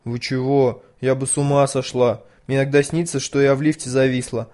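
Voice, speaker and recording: A man's voice: medium pitch, level tone, fairly quick, darkish tone, lightly acted. A man voicing a frightened, chatty schoolgirl who squeals and pleads breathlessly.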